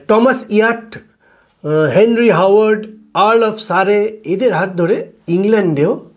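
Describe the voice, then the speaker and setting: A man lecturing on poetry as a teacher, pausing often with fillers and reading English verse slowly. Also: high-pitched, darkish tone. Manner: hesitant, full of fillers, reads English lines slowly. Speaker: literature teacher.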